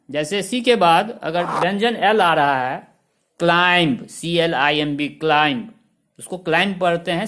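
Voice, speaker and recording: A man teaching a lesson, listing example words one by one and spelling some of them out letter by letter. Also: sits high. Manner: lists examples in a steady rhythm. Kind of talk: classroom-style lesson explanation.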